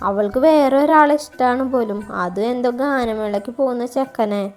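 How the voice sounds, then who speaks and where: A woman's voice: fairly high pitch, moderate pace, darkish tone, soft background music, natural voice. Worried older aunt, as a woman voices her. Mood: plaintive.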